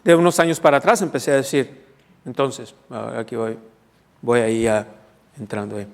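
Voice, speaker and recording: A man's voice: mid-range voice, fairly even intonation, normal speed, gravelly. A man preaching a teaching sermon. He explains scripture and keeps checking in with the congregation. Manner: teaching, asks the congregation questions. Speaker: pastor. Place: church hall. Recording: long reverb of a church hall.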